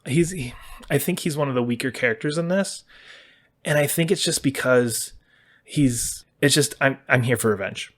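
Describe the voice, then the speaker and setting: A man talking casually through a story's best moments, now and then slipping into quick put-on voices for the characters. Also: fairly high pitch. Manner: chatty, acts out characters' lines in quick voices. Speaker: gaming channel host. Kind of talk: casual spoiler discussion.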